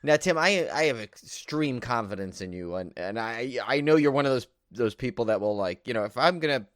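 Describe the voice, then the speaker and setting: An American man from the New York area co-hosts a podcast, chatting casually and enthusiastically about horror movies, rambling and often looping back on himself. His medium-pitched voice is animated and brisk, recorded cleanly in a studio with no room sound.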